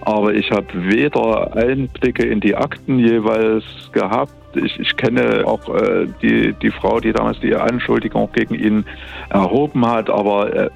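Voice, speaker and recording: A church academy director in his fifties from Dresden, in eastern Germany, reflects thoughtfully and spontaneously as a guest in a telephone interview. His voice is fairly low and gravelly, carried over a dull, band-limited phone line.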